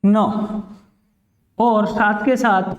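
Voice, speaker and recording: Male teacher, very high voice, roomy classroom sound, drills students with repeated questions. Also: steady tone. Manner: repeats questions to students and answers them himself; recites letters slowly one by one. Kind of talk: classroom grammar lesson.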